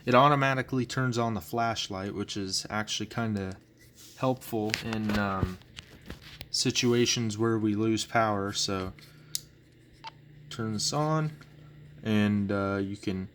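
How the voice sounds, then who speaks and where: In a phone recording with a little background noise, a hobbyist collector shows off his items in a relaxed, rambling review. His voice is lowish and slightly bright, and he talks slowly, hesitating with long pauses.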